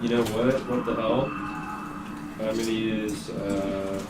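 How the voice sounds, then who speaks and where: A man's voice: lowish voice, fairly even intonation, takes it slowly. A man chatting casually and calling his moves as a player in a tabletop role-playing game. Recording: roomy, distant mic, clear background noise.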